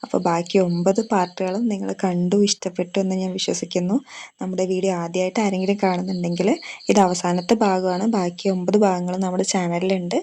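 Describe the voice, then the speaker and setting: A woman's voice: lowish voice, little pitch movement, fast, dark tone. A woman narrating a serialized love story and speaking directly to her viewers in a friendly way.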